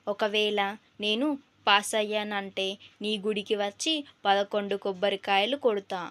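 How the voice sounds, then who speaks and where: A woman's voice: mid-range voice, flat delivery, measured pace, a bit bright, lightly acted. A woman voicing a young female student earnestly praying before an exam in a storybook. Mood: pleading. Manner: earnest, pleading prayer.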